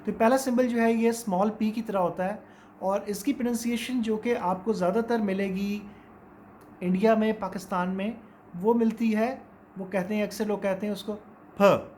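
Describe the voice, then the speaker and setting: A man's voice: sits high, steady tone, moderate pace, darkish tone. Pakistani guy teaching english sounds, explains with lots of examples, bit of hiss behind. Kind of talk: informal spoken lesson.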